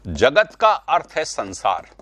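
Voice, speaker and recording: Slow, lively Hindi teacher man. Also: mid-range voice. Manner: explains slowly, repeats words to stress correct sounds; addresses students directly, correcting their answers. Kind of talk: online class on spelling and pronunciation.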